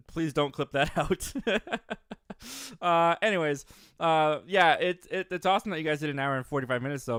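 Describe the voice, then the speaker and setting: A young man hosts a live movie stream, reading viewer comments aloud in an upbeat, rambling manner with frequent restarts and self-corrections. His voice is on the high side, sharp yet smooth, captured in studio quality without echo.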